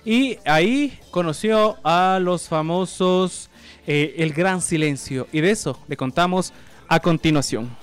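A man's voice: on the high side, takes it slowly, clean tone. A man presenting a music biography in a conversational narrating style.

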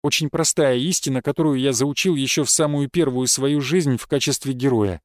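A man reading a first-person fantasy audiobook in an even storytelling manner. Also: mid-range voice, a little fast, dry recording, studio quality. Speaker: audiobook narrator.

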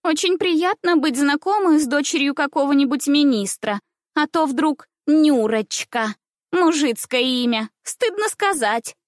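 A woman voicing a haughty, snobbish little girl who speaks in a high, sneering, drawn-out voice, in a storybook reading. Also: expressive, no room sound, clean studio sound. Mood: scornful.

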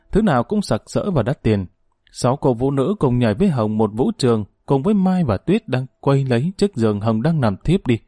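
A man's voice: medium pitch, no echo, studio quality. Man narrating an audiobook. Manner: steady storytelling.

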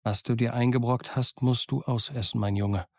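A man reads a grave middle-aged doctor in a storybook, concerned and firm, at a middling pitch. The sound is close and dry. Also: steady tone, moderate pace, creaky, darkish tone, no echo. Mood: reproachful. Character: kindly, stern middle-aged male doctor. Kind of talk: audiobook character voice.

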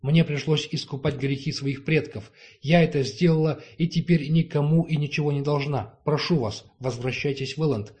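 A man's voice: a little high, steady tone, normal speed, hardly any pauses, a little mellow, natural voice. A man reading the lines of a proud, stubborn young woman in an audiobook, cold and formal. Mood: cool firm. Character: proud young woman who calls herself not human.

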